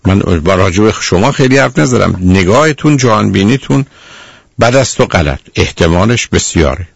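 Male radio counselor, gravelly and dry, sternly lecturing a caller. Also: lowish voice, animated, dry recording. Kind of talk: radio call-in advice.

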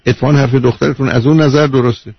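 A man's voice: mid-range voice, fairly even intonation, vocal fry, husky, no room sound. A man who is a doctor, hosting a call-in radio advice show, lecturing emphatically and repeating his key points. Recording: dull lo-fi radio broadcast.

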